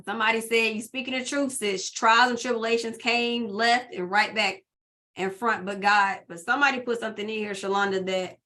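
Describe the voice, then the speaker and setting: A woman's voice: on the high side, fairly even intonation, fairly quick, pushed and bright. A woman hosting a group call, emotional and trying not to cry as she reads out comments. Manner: emotional, fighting back tears, reading comments. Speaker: host. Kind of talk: casual chat on a group call.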